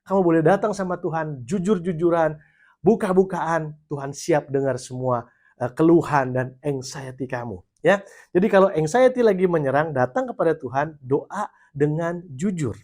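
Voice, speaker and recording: A man preaches to young listeners in a relaxed, conversational way. His voice sits a little on the high side, and he drops English phrases into his talk. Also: normal speed. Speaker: youth pastor. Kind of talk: sermon.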